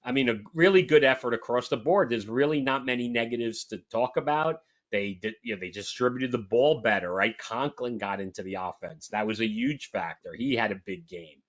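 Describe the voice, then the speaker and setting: A man's voice: medium pitch, brisk, hardly any pauses. A man co-hosting a sports talk show, chatting casually and emphatically with lots of restarts. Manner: rambling, emphatic, frequent restarts. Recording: dull lo-fi audio.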